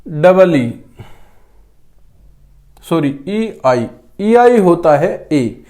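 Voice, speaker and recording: A man's voice: fairly high pitch, very animated, extremely slow, dark tone. A male English teacher with a sore throat, giving a spoken lesson to students and repeating each word several times. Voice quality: clears throat often.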